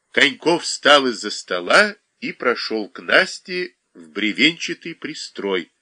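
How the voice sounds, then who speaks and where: Male audiobook narrator, expressive, lively pitch, bright tone. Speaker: audiobook reader. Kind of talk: scripted narration.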